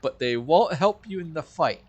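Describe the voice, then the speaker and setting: Lively man running a tabletop game. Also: fairly high pitch, moderate pace. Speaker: game master.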